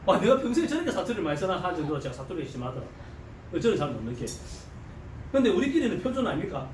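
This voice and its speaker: Speaking a little fast but leaving long pauses, this middle-aged man with a strong Gyeongsang accent animates a seminar crowd with jokes and rhetorical questions in a fairly high, swooping voice. The mic is well away from him, so the hall echoes and a light hum sits underneath.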